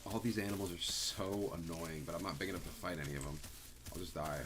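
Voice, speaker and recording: A man chats on a live gaming stream in a deep, low voice. He rambles, trails off and restarts his thoughts with plenty of fillers. Loud noise sits behind his voice throughout. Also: quick pace.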